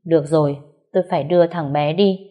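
A woman's voice: deep voice, fairly even intonation, quick pace, highs cut off, lightly acted. A woman voicing an impatient, curt man in a spoken story. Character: impatient man, boy's father.

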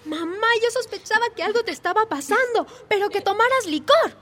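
A woman's voice: very high voice, expressive, a little fast, fairly bright tone. A woman playing an angry, worried young eldest daughter who scolds her mother in a radio drama. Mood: scolding. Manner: scolding, accusing.

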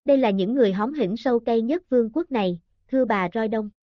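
A woman's voice: fairly high pitch, fast, no room sound. Woman narrating, dull dry lo-fi sound. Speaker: audiobook narrator. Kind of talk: scripted narration.

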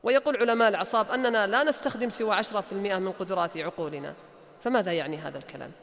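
A man's voice: sits high, racing, fairly bright tone, big-room sound. A man gives an emphatic motivational lecture as a coach, repeating key lines for effect.

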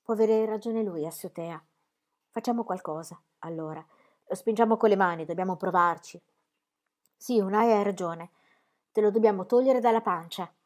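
A woman reading an audiobook, voicing a gentle, cautious old man who reasons calmly. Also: mid-range voice, normal speed, lightly acted. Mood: resolved. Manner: calm, reasoning, reassuring.

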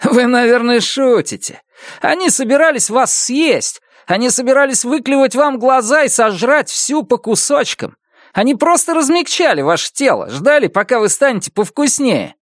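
A narrator voicing a spiteful, bullying male neighbor with a shrill, sneering manner in an audiobook. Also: sing-song, moderate pace, a bit bright, no echo, studio quality, full character voice. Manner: sneering, bullying, rising to a shriek.

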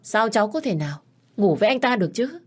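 A woman's voice: medium pitch, sing-song, fast, a little mellow, slightly rough, pitched above the performer's own voice. A woman voicing a frightened young bride who speaks earnestly and pleads. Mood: defiant.

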